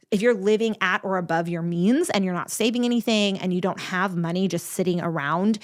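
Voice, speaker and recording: A woman giving conversational advice to viewers in an earnest, encouraging and emphatic way, like an online video presenter. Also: on the low side. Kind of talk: conversational advice talk to camera.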